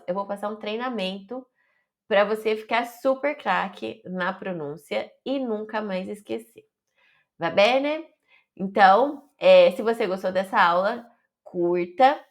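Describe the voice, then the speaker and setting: Slow, deliberate Brazilian woman teacher. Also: medium pitch. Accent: Brazilian Portuguese. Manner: slow, deliberate, stretches example words. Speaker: Italian teacher. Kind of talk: online language lesson.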